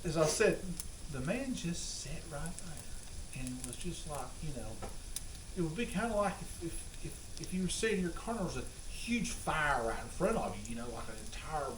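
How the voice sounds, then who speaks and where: An animated Southern man with a high-pitched voice spins yarns at normal speed as the storyteller on a home cooking vlog, rambling, folksy, and prone to exaggeration in his comic anecdotes and casual chat. Food sizzles in the home kitchen, and the roomy, distant-mic recording picks up plenty of kitchen noise.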